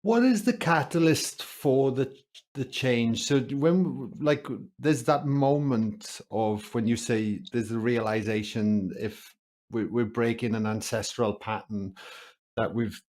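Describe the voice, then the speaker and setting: A man's voice: medium pitch, takes it slowly, darkish tone. A male podcast host asking the guest long questions, often stopping to repeat words while he finds them. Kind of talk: interview questions.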